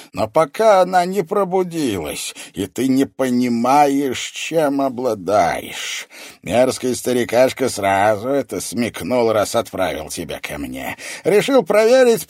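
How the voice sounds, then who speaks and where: A scornful evil sorcerer with a hoarse, barking voice, put on by a male narrator. He drawls slowly and booms, lifted high above the reader's own register. The audiobook recording is dry and close. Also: sing-song, dry recording. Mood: mocking. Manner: slow, loud, commanding. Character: hidden evil sorcerer, booming, menacing, mocking.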